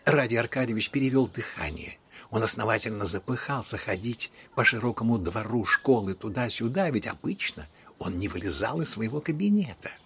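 A man narrating a children's story in a measured, expressive reading voice. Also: fairly low pitch, slight background noise. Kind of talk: audiobook storytelling.

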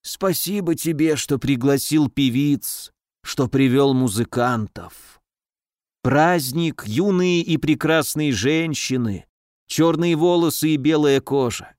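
A man reading the part of a dying old nobleman father, speaking slowly and weakly. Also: a little high, a little mellow, dry recording, studio quality. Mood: weak, pleading. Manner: slow, weak, muttering.

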